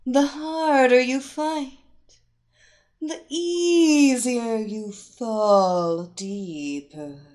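A woman voicing a seductive, domineering female hypnotist who gives slow, soothing commands. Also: a little high, a little mellow. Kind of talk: erotic audio story acting.

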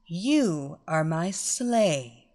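A woman voicing a commanding blonde female hypnotist who gives slow, purring, drawn-out orders. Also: lowish voice, very animated, a little mellow, voice pushed down, heavily acted.

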